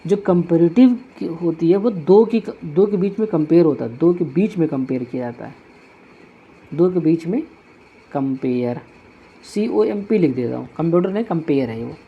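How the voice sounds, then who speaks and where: A man's voice: on the high side, moderate pace, gravelly, breathy edge, lo-fi sound. A male teacher giving a classroom grammar lesson, patiently repeating each point as he writes it out on a board.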